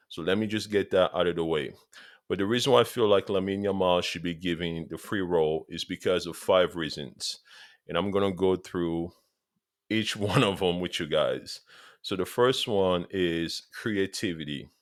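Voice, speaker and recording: He's a Congolese man in his thirties running a casual football vlog, speaking eagerly right to viewers and repeating points to stress them. His voice sits low, moving at a moderate pace, and he has a Congolese accent. Studio quality, with no room sound.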